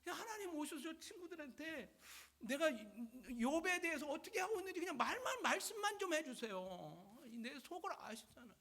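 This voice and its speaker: Male preacher playing a wronged sufferer, high and swinging in pitch, indignant and plaintive. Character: aggrieved suffering man pleading with God.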